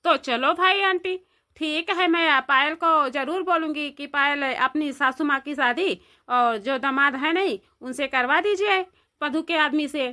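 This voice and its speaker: A woman's voice: sits high, a little slow, pushed and bright. A woman voicing a curious, meddling young village woman in a cartoon, questioning and coaxing in an Awadhi accent.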